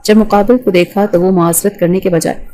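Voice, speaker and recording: A woman narrating a romance novel with an even, storytelling delivery. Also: medium pitch, low-quality recording.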